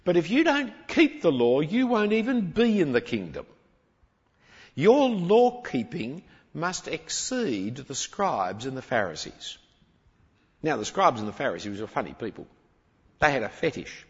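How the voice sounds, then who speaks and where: A man preaches with a husky, fairly high voice that swoops up and down as he presses his points. He moves between loud emphasis and quieter asides. The recording is muffled and rings with the long echo of a big hall. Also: big pitch swings, measured pace. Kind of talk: sermon.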